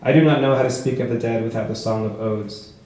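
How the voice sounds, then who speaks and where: A man reading his own prose poetry aloud at a book launch, with a measured, rhythmic delivery. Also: medium pitch, steady tone, darkish tone. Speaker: author reading his work. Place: bookshop event space. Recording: echoey room with faint noise.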